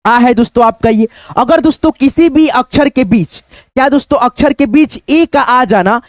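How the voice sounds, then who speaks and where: Teacher, male, very high voice, spells words out slowly, close dry mic. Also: no echo. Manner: spells words out letter by letter, keeps asking "दोस्तों". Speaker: English teacher. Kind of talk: spoken lesson.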